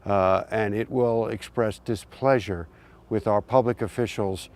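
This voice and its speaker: A man's voice: on the low side, steady tone, measured pace. A man, a community resident, speaking earnestly in an interview.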